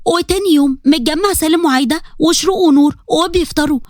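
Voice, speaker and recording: A woman with an Egyptian accent narrating a story in a brisk, matter-of-fact way. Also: sits high, no room sound, clean studio sound. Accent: Egyptian Arabic.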